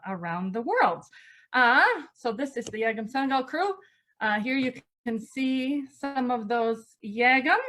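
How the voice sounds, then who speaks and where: Bright-voiced woman pastor hosting. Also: fairly high pitch. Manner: informal, explanatory, many fillers. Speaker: pastor and program coordinator, host. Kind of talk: online presentation introduction.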